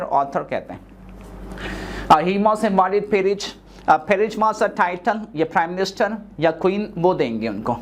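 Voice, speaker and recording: Slow, halting male teacher. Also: high voice, slight background noise. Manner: halting, with frequent filler hesitations; slow, careful explaining. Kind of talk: recorded online lecture.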